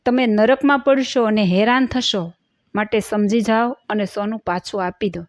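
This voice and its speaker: A woman voicing a calm elderly male guru who admonishes in a measured way. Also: mid-range voice, no room sound, studio quality, lightly acted. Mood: patient.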